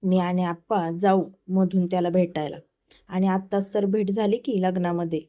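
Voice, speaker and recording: Middle-aged mother, loving and gently bossy, warm tone, read by a woman. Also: on the low side, flat delivery, normal speed, lightly acted. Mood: fond.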